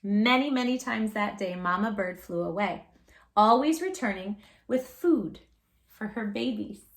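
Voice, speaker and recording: Dramatic pauses and drawn-out emphasis mark this woman host's expressive, animated reading of a children's story. She speaks in a mid-range voice.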